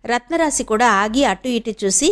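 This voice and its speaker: Woman narrating a novel, fairly high voice. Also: moderate pace. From India. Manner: steady, storytelling delivery. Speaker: audiobook narrator.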